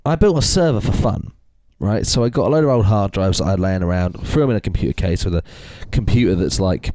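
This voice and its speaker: A man's voice: low-pitched, animated, fast, mellow, no echo. A young man co-hosting a podcast in casual chat, laid-back and swearing freely. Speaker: podcast co-host.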